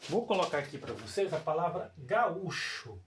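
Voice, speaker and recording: A teacher with a Brazilian Portuguese accent works through a whiteboard grammar lesson, with a pitch that rises and falls a lot. The teacher explains things step by step and keeps checking in with the viewers. The voice sounds distant, set in a roomy space with a bit of echo. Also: big pitch swings, normal speed, slight background noise. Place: room with a whiteboard. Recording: roomy echo, voice far from mic.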